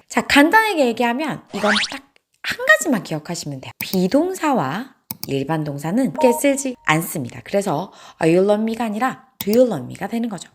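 A woman's voice: mid-range voice, noisy background. A woman teaching English grammar in an online lesson, asking questions and then answering them step by step. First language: Korean.

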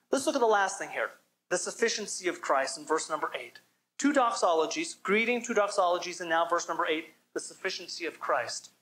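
A man's voice: on the high side, a bit bright, slight background noise, low-quality recording. A man preaching a sermon as pastor, emphatic and calling for responses from the congregation.

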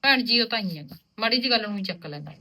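A woman playing a calm village mother-in-law. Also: mid-range voice, rapid-fire, low-quality recording. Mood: calm, homely. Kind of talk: rural village drama acting.

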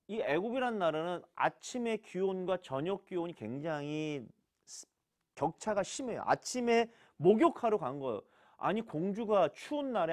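A man, a pastor, teaching a church Bible class. He asks questions and answers them himself, and repeats key words for emphasis. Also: high-pitched.

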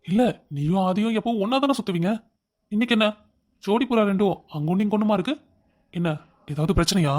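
A man's voice: high voice, fast, a little mellow. Sneering young troublemaker, voiced by a man. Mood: taunting. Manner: mocking, needling. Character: taunting young male coworker, sneering troublemaker. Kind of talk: dubbed cartoon story.

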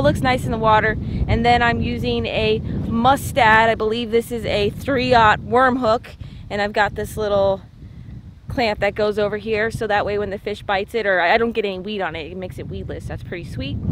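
A young American woman hosts a fishing show, casually narrating a vlog in an informal, slangy way from a small boat outdoors. Her voice is a little high, with background noise.

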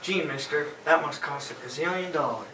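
Teenage guy as an eager infomercial kid, bright voice. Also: fairly high pitch, normal speed. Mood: eager awe. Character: gee-whiz eager little boy customer. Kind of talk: hard sell infomercial ad skit. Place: small bare indoor office room. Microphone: camera a few feet away. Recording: echoey small room, distant mic, faint noise.

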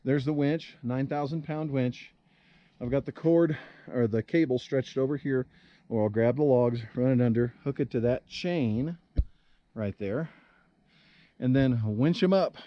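A man's voice: mid-range voice, unhurried, no echo, dull audio. Chatty man vlogging outdoors in a forest. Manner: chatty, plain-spoken, joking. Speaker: vlog host. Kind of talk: casual explanatory vlog.

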